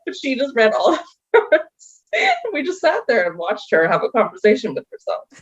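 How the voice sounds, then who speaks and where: A woman's voice: a little high, wildly swooping pitch, normal speed, slightly rough, dull audio. A woman guest on a podcast in casual chat, wry and laughing through her stories.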